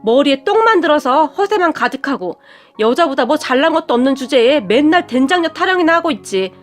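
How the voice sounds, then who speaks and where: Woman playing a tough young wife, high voice, mocking, blunt, storybook telling. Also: expressive, fairly quick, soft background music. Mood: scornful taunting. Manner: scornful, taunting.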